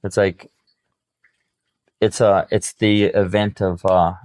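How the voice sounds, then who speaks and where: Slow-paced and lowish, with little pitch movement and a slightly mellow tone, a middle-aged podcast co-host talks casually in a reflective, motivational way using sports examples. The studio-quality recording has no echo.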